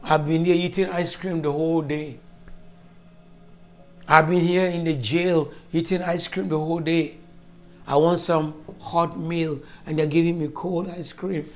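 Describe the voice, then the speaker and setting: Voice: medium pitch, fairly even intonation, a little slow, natural voice. Preacher putting on a self-pitying prisoner, whiny, moaning, mocking tone, faint music behind. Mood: whining. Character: self-pitying jailed man whining about his misery.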